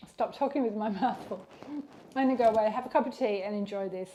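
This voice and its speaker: A woman's voice: medium pitch, fast talker, warm tone, muffled recording, a little hiss or hum. A woman hosting a casual home baking tutorial, chatty and encouraging, talking the viewer through each step in her kitchen. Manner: chatty and encouraging, talks while eating. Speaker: home baking channel host.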